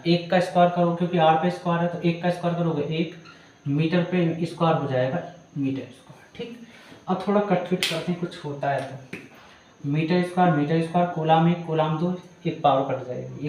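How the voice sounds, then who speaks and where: A physics teacher with a slightly high, darkish voice walks students through each step of a problem, addressing them as "beta". The lesson is recorded in a room with heavy echo.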